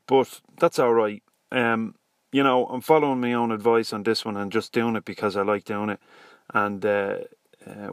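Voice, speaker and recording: Sitting in the passenger seat of a parked car, this Irish podcast host rambles on his own show in a loose, hesitant manner. He has a lowish voice, and there's no room sound in the recording.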